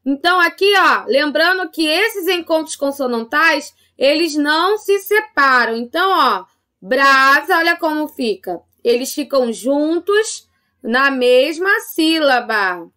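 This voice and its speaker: A woman's voice: high voice, lively intonation, pushed and bright. A woman with a Brazilian Portuguese accent teaching a grade-school class in a recorded remote lesson, speaking patiently and checking in often with her pupils. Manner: slow, patient teacher talk with frequent "tá?" check-ins.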